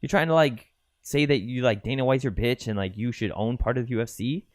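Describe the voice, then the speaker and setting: A young man co-hosting a casual sports podcast, ranting with blunt profanity and animated questions. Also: medium pitch, brisk, dry recording, studio quality. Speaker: podcast co-host.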